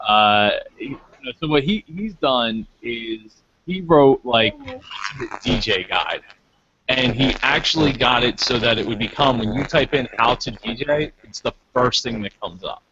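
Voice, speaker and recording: A man's voice: medium pitch, unhurried, pushed and bright, husky, no room sound. A man hosts a casual group discussion over an online call and rambles through his points with restarts. His voice sits mid-range, and the call audio is dull and lo-fi. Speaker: podcast host. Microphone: online call microphone.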